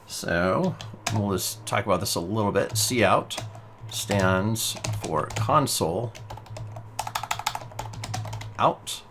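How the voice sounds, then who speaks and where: A man's voice: lowish voice, lively intonation, extremely slow, long pauses, noisy background. A man teaching a beginner programming lesson, explaining patiently step by step while typing along. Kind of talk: screen-recorded coding tutorial.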